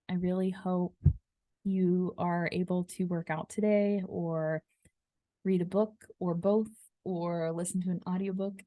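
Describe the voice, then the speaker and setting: A young woman who teaches fitness talks through a casual solo monologue, rambling and chatty, with plenty of fillers and restarts. Her voice sits a little low for a woman. The recording is dry and close, with no room sound. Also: a little mellow, dry recording. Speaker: podcast host and fitness instructor.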